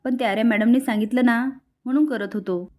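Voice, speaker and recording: A woman's voice: a little high, brisk, a little mellow, natural voice. A woman reading the lines of a nervous junior police constable in a serial recap, speaking in an apologetic, coaxing way.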